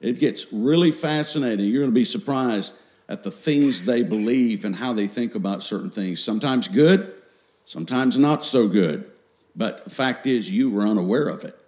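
A man's voice: medium pitch, moderate pace, darkish tone. Middle-aged male seminar speaker, folksy and scripture-quoting, teaching parents and checking in with the room.

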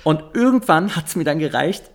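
A man, telling a story in casual chat, animated and acting out the people he quotes. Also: a little high, normal speed.

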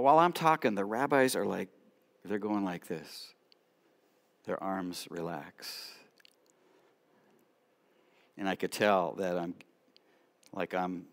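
A middle-aged man, a rabbi, telling stories to a congregation with animated delivery and quiet asides. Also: sits low. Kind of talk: storytelling talk to a congregation.

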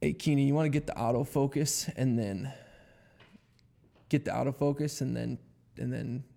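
A man's voice: medium pitch, moderate pace, creaky, dark tone. A man hosting a live stream in a casual, chatty way, greeting viewers and humming while he sets things up. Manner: upbeat, chatty, hums filler tunes while setting up. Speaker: livestream host.

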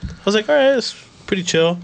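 A man with a slightly high voice chats at a quick pace, informal and anecdotal, quoting his own reactions. There is faint noise behind him. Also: animated, vocal fry. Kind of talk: casual anecdotal chat.

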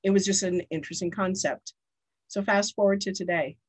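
A woman's voice: mid-range voice, steady tone, a little fast, husky. A woman in her fifties hosting a podcast, chatting casually and telling personal stories. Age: 50s. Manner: chatty and storytelling. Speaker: podcast host.

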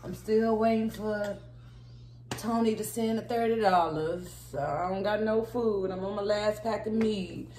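A woman voicing a pitiful old grandma who rambles slowly about her troubles on the phone. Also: mid-range voice, roomy sound, a crowd in the background, close to an everyday voice. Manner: slow, pitiful, rambling complaints.

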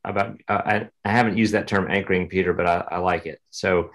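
A man with a fairly low voice gives his clinical take in an online panel. He is brisk and practical, numbering his points as he goes. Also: steady tone, fairly bright tone, rough recording. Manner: direct and practical, lists steps. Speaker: critical care physician panelist.

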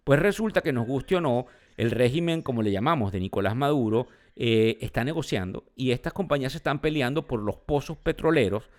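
A man's voice: mid-range voice, animated, a little fast, hardly any pauses, a little mellow. A man from Venezuela hosting a financial market show, explaining the news to his listeners and defining the terms as he goes.

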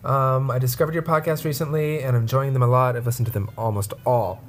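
A woman's voice: very deep voice, fairly even intonation, fast talker. A woman co-hosting a casual podcast, talking in a rambling way full of fillers and restarts, and sounding stuffed up. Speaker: podcast co-host.

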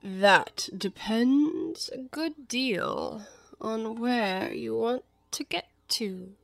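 A woman voicing a grinning mad cat in a storybook, with slow, drawn-out, breathy, matter-of-fact delivery. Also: fairly high pitch, dry recording, exaggerated voice. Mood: languid, teasing. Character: languid, grinning, good-natured mad cat.

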